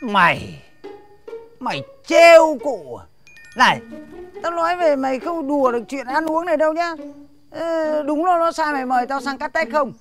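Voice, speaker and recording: Old village chief in a comedy film: bossy, scolding, swinging pitch. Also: male voice, expressive, moderate pace, a bit bright, soft background music, heavily acted. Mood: gruff. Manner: bossy, scolding, full of grunts. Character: grumpy old male village chief, stingy and boastful. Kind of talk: slapstick comedy film acting.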